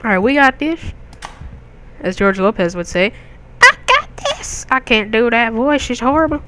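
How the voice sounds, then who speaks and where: Excitable young man doing game commentary. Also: very high voice, moderate pace, background noise. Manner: excitable, jokey, crude outbursts. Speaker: gaming video host. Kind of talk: gameplay commentary.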